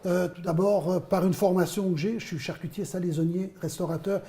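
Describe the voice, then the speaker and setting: In an interview, a fiftysomething wine producer from Belgium explains his work, telling it as a story with many hesitations. His high-pitched voice is steady and dark-toned, moving fairly quickly.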